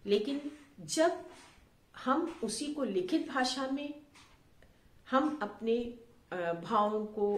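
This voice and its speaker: A middle-aged woman teaching a grammar lesson to children, speaking slowly and deliberately with frequent pauses and fillers. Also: mid-range voice, echoey room. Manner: acts out example sentences with exclamations.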